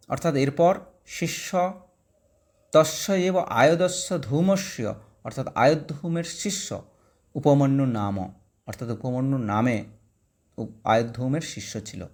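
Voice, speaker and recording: A man teaching a recorded Sanskrit class, breaking words into syllables and pronouncing them slowly. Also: medium pitch, a little mellow. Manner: slow, syllable-by-syllable pronunciation drills.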